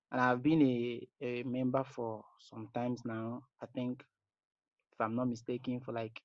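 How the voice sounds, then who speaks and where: This is a dull, lo-fi voice message from a man with a Nigerian accent, a voicemail caller speaking informally and hesitantly, repeating his phrases often. His voice is medium-pitched and the recording is dry.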